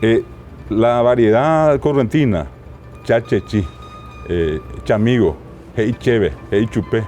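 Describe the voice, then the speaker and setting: A man with a Paraguayan Spanish accent, a linguist guest explaining place names in an interview, didactic and slow on each word. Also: medium pitch, mellow, faint music behind.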